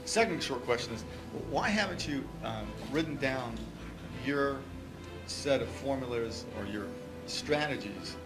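A man asking questions from the audience, halting and hesitant, heard from a distance, with music clearly behind him. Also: medium pitch, expressive.

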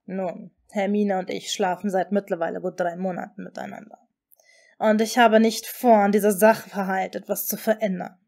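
A woman voicing a cold, sarcastic male professor who speaks quietly and cuttingly in a fan-fiction audiobook. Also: mid-range voice, steady tone, normal speed, natural voice.

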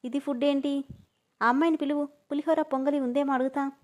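A woman reading a storybook who voices a playful, talkative young woman, teasing and often pitched up. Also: steady tone, a little fast, a little mellow, natural voice. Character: playful, chatty young woman on her first flights.

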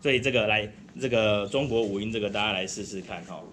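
A man's voice: on the low side, fast talker, fairly bright tone, slight background noise. A man with a Taiwanese Mandarin accent teaching a group saxophone lesson, patient and encouraging, counting the class in. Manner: patient, counts in and sings demonstrations.

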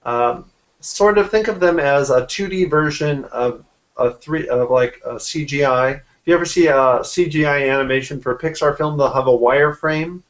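A man in his forties, a graphic artist, casually talks about his work during a video-call interview from a room at home. His voice sits on the high side and moves at a moderate pace, picked up by his computer mic.

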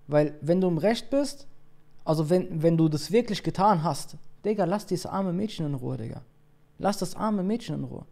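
A man's voice: a little high, creaky, warm tone. A male streamer giving casual, slangy reaction commentary and laughing easily.

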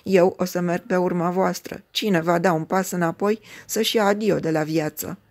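Brief: a woman doing a raging giant warrior from a storybook, loud, threatening, pitched a little low. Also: steady tone, lightly acted. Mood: stern. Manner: shouting threats. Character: furious giant male warrior with a mace.

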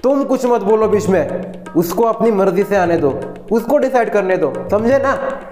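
A man's voice: sits high, animated, normal speed, dark tone. A man playing an earnest, indignant young man. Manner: pleading, protective. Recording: echoey room, faint music.

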